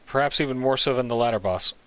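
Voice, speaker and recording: Man, let's play host, casual gameplay commentary, jokey, self-mocking, mid pitch. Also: fast talker, fairly bright tone, smooth.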